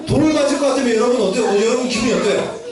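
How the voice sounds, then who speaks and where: A man's voice: very high-pitched, very fast, far from the mic, a crowd in the background. A man telling a Bible story to children as their Sunday school teacher, asking them questions and acting out the characters' lines. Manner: asks children questions, acts out quotes. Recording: very echoey room, voice from afar.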